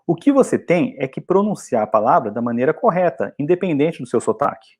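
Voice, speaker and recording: A man's voice: a little high, big pitch swings, brisk, darkish tone. A Brazilian man, an English teacher, giving a chatty and encouraging video lesson.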